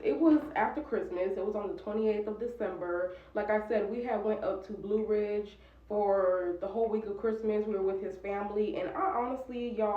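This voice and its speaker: A woman's voice: mid-range voice, far from the mic. A woman in her twenties telling a personal story in candid, casual chat, full of "like" fillers. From United States. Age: 20s. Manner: candid, chatty, many "like" fillers. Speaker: vlogger. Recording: roomy dull sound from off-mic.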